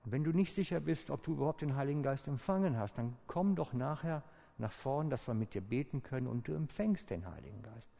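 A male pastor with a gravelly, mellow voice preaches in a calm, inviting way, slowing and pausing deliberately. His words ring out with a long reverb in a large church hall. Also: medium pitch. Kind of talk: sermon.

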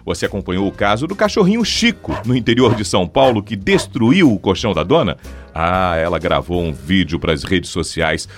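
A man hosting a radio segment, introducing topics and guests in a brisk announcer manner. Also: deep voice, faint music behind. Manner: lively, brisk announcer delivery. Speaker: radio host. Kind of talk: radio news presenting.

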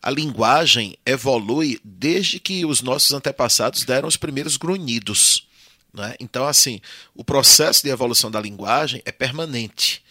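A man with a Brazilian Portuguese accent, lecturing in a clear, bright tone. He talks like a patient teacher and keeps checking in with the listener. The room is very dry, with the mic close up. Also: medium pitch, animated, moderate pace, dry recording. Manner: didactic, often adds tag questions. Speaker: Portuguese language teacher, guest. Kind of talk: explanatory podcast conversation.

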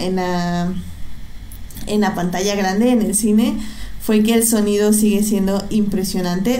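A woman's voice: mid-range voice, mellow. Echoey, hesitant young Mexican woman. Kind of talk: casual conversation about films. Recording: echoey room, faint background noise.

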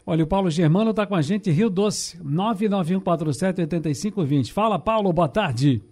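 A man hosting a radio call-in show, greeting callers by name in a brisk, friendly way. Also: high-pitched, a little mellow. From Brazil. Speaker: radio host.

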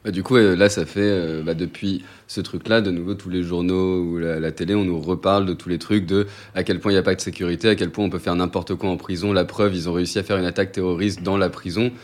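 Very deep-voiced man talking fast. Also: fairly even intonation. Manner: fast, slangy, emphatic. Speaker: radio show co-host. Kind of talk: casual political discussion.

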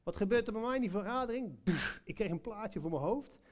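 A man's voice: high voice, lively intonation, brisk. A man preaching a sermon, telling a personal story in a conversational way, with many hesitations and direct questions to listeners.

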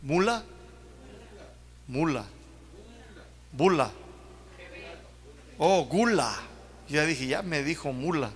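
A pastor with a Mexican accent preaches an animated sermon in a gravelly, fairly high voice, speaking in a folksy, drawn-out way. He keeps firing rhetorical questions at the congregation. The long reverb of a church hall rings around his voice.

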